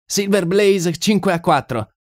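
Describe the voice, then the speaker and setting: A man voicing a loud bookmaker who shouts out odds. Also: expressive, measured pace, no echo, clean studio sound. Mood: booming. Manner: shouting, booming.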